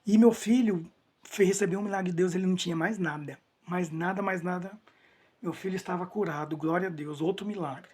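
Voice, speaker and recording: A man with a husky, slightly breathy voice gives an emotional personal testimony. He speaks earnestly and repeats key phrases for emphasis. His sentences often break off and start again. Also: sits high, brisk, a little mellow. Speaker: church member giving a testimony.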